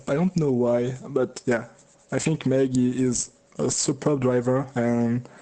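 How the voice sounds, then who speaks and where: A man speaks English as a second language, with a non-native accent. His voice is mid-pitched and very mellow. He answers interview questions casually, pausing to search for words. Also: poor audio. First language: not English. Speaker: racing driver being interviewed.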